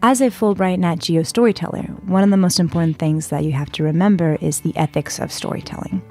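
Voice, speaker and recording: A woman in her twenties from San Diego, California, tells her own story as a guest on a podcast, chatty and full of fillers. Her voice is on the low side and brisk, and the personal storytelling interview plays over music.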